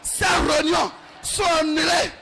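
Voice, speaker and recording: A male pastor leading a shouted deliverance prayer, fervently repeating short commands over and over. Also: very high voice, level tone, a little slow, gravelly, over a noisy crowd, very noisy.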